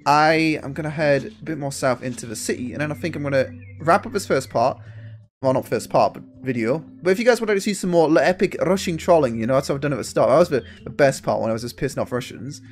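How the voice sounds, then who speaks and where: A man giving rambling, profane, laid-back commentary as he plays a video game, talking into a gaming headset at home. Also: on the high side. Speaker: gaming streamer. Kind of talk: casual let's-play commentary.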